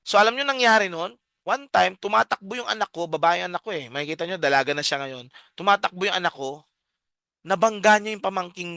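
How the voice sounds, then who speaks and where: Middle-aged Filipino lay preacher, bright and lively storyteller who keeps asking the audience questions. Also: male voice, high voice, no room sound, studio quality. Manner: storytelling, many rhetorical check-ins. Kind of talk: casual preaching talk mixing Tagalog and English.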